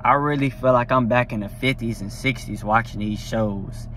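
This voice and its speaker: Speaking at a moderate pace in a mid-range, fairly even voice that's a bit bright, this young adult vlogger chats to his phone camera from a parked car. He rambles with enthusiasm and plenty of fillers. Recorded on a phone at arm's length, the audio has slight background noise.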